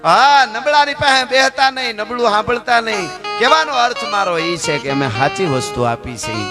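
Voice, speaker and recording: A man's voice: high-pitched, expressive, normal speed. A man, a folk storyteller performing live in a dramatic, emphatic way. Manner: dramatic, emphatic, slips into characters' voices and chanted verse. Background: accompanying music.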